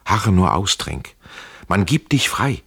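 A man voicing a proud and bitter aging princess in an audiobook, lifting his voice slightly and speaking slowly. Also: low-pitched, big pitch swings, creaky, a bit bright, breathy edge, voice pushed up, full character voice.

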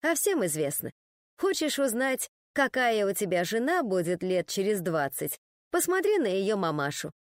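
A woman's voice: mid-range voice, sing-song, normal speed, no room sound, clean studio sound. A woman narrating an audiobook in the first person, with an ironic, sardonic manner.

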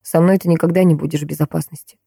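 A woman voicing a tormented young male vampire, speaking slowly and wearily. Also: steady tone, creaky, dark tone, husky, no room sound, studio quality, exaggerated voice. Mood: resigned. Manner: low, slow and weary.

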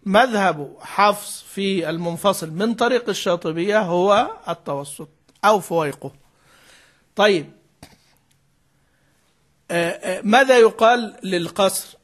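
A man teaching the rules of Quran recitation, repeating key terms and prompting his students to fill in answers. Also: high-pitched. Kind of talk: lecture on Quran reading rules.

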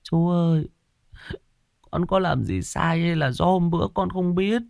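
A man's voice: fairly high pitch, a little slow, gravelly, a little mellow, clean tone, no room sound, studio quality, voice pushed up. A man voicing a frightened young child who stammers as they plead for forgiveness. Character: terrified little child begging a ghost.

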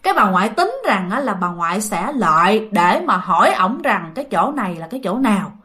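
A woman's voice: mid-range voice, very animated, fairly quick, sharp tone. A woman with a Southern Vietnamese accent telling a ghost story in casual spoken style, often turning to address her listeners. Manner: chatty, addresses listeners directly.

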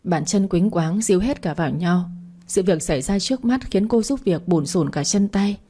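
A woman narrating a scripted audio story in a dramatic, measured way. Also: fairly low pitch, lively intonation, mellow, breathy edge.

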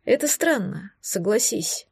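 A woman's voice: mid-range voice, animated, unhurried, gravelly, breathy edge, no echo, heavily acted. A woman voicing a mysterious sardonic man in an audiobook, speaking in a dry, musing, condescending way. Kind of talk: audiobook reading.

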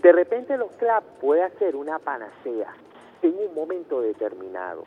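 A man's voice: on the high side, wildly swooping pitch, moderate pace, soft background music. A Venezuelan man from Caracas calling in to a radio show, insisting on his point and cutting back in again and again. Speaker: radio caller. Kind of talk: phone-in debate. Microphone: telephone. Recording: tinny phone line with faint noise.

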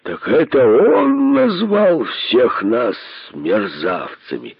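A man voicing a great python king who is cold, scornful and menacing, speaking slowly and with contempt in an audiobook. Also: medium pitch, huge pitch swings, creaky, slightly rough, no echo, muffled recording, heavily acted. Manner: slow, contemptuous, threatening.

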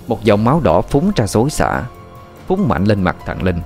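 A man tells a dark tale, his low voice rising and falling a good deal. The storytelling is steady and dramatic. Faint music sits behind him. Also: moderate pace.

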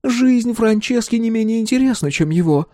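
A man's voice: extremely high pitch, expressive, moderate pace, warm tone, no room sound, studio quality, pitched above the performer's own voice. A male audiobook reader voicing an indignant, opinionated middle-aged woman at a book club who complains insistently.

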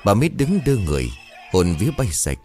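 A man narrating a comic village story in a lively, playful way. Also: on the low side, a little fast. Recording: dry voice with faint music bed.

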